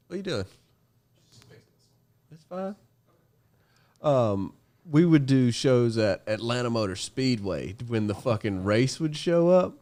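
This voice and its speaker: A man on a casual podcast, telling rowdy stories full of swearing and laughter. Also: medium pitch. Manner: animated, swearing, laughing storyteller. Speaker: podcast guest. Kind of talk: casual profane storytelling.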